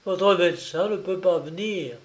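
A man voicing a guilt-ridden young duke who speaks slowly and coldly to his mother. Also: sits high, pitched above the performer's own voice, natural voice. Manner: slow, cold, somber delivery.

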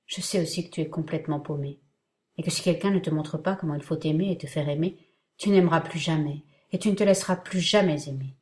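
Tender calm man, read by a woman. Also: sits low, quick pace, lightly acted. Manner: soft, tender and reassuring. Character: gentle calm man, a caring doctor friend. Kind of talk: audiobook reading.

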